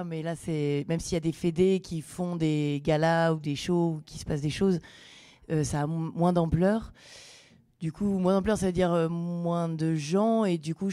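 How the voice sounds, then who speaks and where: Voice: medium pitch, warm tone, clean tone, dry recording, studio quality. A person giving an informal, rambling explanatory answer in a colloquial, hedging way.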